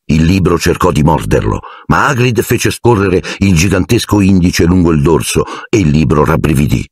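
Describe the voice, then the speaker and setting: A man reading an audiobook in expressive scripted narration on a close, dry studio mic. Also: sits low, moderate pace, breathy edge, dry recording. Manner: expressive storytelling, acting out each character. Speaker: audiobook reader.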